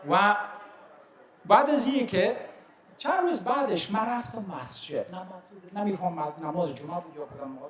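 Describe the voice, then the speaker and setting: A fairly high-pitched man with an Afghan Dari accent tells unhurried family stories as father of the bride. His voice rings out through an echoey hall as he pauses and chuckles between memories. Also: a crowd in the background. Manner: warm anecdotal storytelling with chuckles and pauses. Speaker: father of the bride giving a wedding speech. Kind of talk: storytelling wedding speech.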